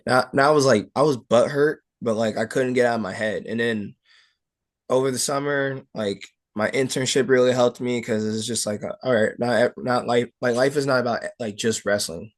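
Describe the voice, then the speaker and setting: In an interview, a young wrestler speaks in a medium-pitched voice, casual and personal. His delivery is halting, sprinkled with "like" and "you know."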